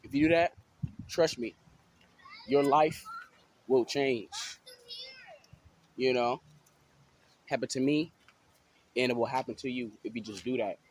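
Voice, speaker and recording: A man's voice: medium pitch, slow pace, pauses often, slight background noise. A man vlogging about spiritual awareness in a rambling, casual way, full of fillers and repeated check-ins with his listeners. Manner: rambling, filler-heavy, keeps asking "you know what I'm saying". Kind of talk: casual motivational talk.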